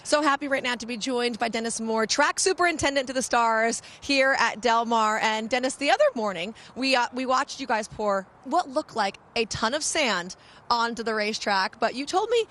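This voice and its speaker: A woman's voice: a little high, normal speed, a bit bright. A woman reporting from the track and asking questions of a guest in an upbeat, eager manner. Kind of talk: on-air interview.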